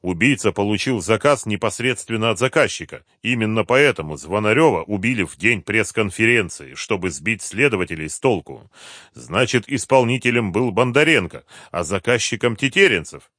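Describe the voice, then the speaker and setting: A calm detective lays out his reasoning in measured, probing sentences, as a male reader voices him. The voice stays level and unhurried, only slightly above the reader's own. The recording is dry and close. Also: lowish voice, no room sound. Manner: measured, analytical questioning. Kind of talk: audiobook character voice.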